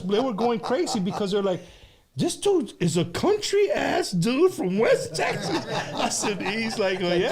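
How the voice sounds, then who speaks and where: High-pitched, animated male show host. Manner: informal, mixes Spanish slang into English. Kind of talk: casual bantering interview.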